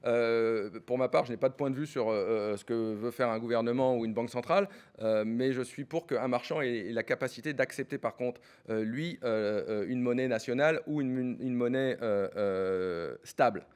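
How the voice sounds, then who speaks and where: A middle-aged man giving a fast business pitch, full of fillers and repeated words. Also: darkish tone, smooth. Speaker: startup executive pitching.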